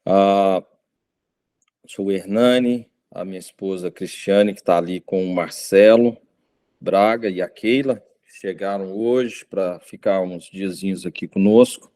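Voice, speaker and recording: A man's voice: low voice, a little slow, dark tone. A middle-aged man from Goiânia, preaching an informal sermon, hesitant with many fillers and restarts. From Goiânia, Brazil. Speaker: visiting preacher.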